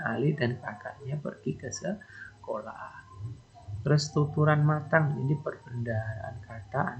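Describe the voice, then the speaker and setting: A man's voice: medium pitch, vocal fry, poor audio. A man giving a recorded lecture to teacher trainees, who explains step by step and keeps saying "nah" between points. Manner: explains slowly, often says "nah", imitates baby babble.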